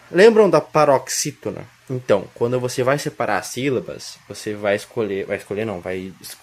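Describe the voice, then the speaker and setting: A man gives a casual spoken grammar lesson recorded on a phone. He rambles, corrects himself and keeps checking in with his listeners. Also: mid-range voice. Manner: rambling, self-correcting, with frequent "tá?" check-ins. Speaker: self-taught grammar tutor.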